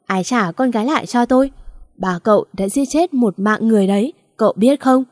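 A woman voicing a grieving, vengeful middle-aged father who speaks in loud, accusing outbursts. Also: medium pitch, moderate pace, no echo, clean studio sound, lightly acted. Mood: bitter, accusing.

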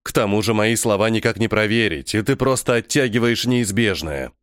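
Man doing alien official, cold, curt, impatient, lower and dry. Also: fairly quick, fairly bright tone, clean tone, no room sound, close to an everyday voice.

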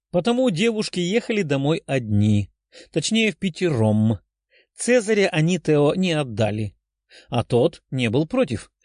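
Expressive male audiobook narrator. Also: a little high, no echo, clean studio sound. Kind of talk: scripted narration.

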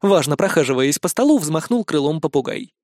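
A man's voice: on the high side, sing-song, brisk, a little mellow, dry recording. Male audiobook narrator, dry close sound.

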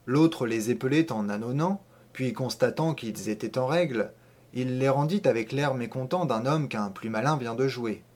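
A man reading a classic short story aloud in a measured, even narrating voice. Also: medium pitch.

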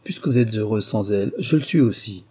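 Man voicing a young woman, heartfelt, soft, audiobook reading, dark voice. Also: fairly low pitch, fairly quick, lightly acted. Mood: tender. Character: devoted young woman, the fiancée.

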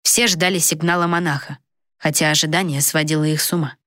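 Female storyteller, low-ish voice, steady read, dry booth sound. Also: a little fast, no echo. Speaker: narrator. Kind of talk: audiobook narration. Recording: dry close recording.

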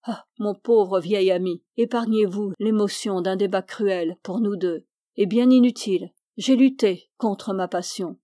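Tormented young man, weary and warm, read by a woman. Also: medium pitch, unhurried, no echo, clean studio sound, lightly acted. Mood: despairing.

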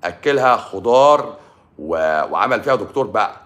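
An Egyptian man, a doctor, lecturing emphatically on a live stream and swinging between loud and hushed speech. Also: fairly low pitch, lively intonation, normal speed. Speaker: doctor giving advice.

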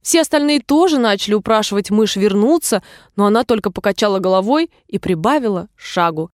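A woman reading a storybook aloud in a calm, even narration. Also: mid-range voice, fairly quick, no room sound, clean studio sound. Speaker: audiobook reader.

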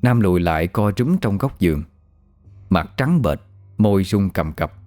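Brief: deep-voiced male storyteller, grave and measured horror narration, faint music underneath. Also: lively intonation, a little mellow, dry recording.

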